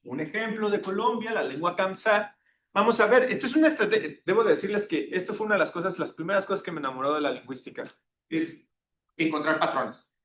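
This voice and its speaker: Guy teaching a class, kinda high voice, roomy echo and faint rumble behind. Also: lively intonation, brisk, fairly bright tone. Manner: engaging, keeps checking in with tag questions. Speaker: lecturer. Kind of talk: classroom lecture.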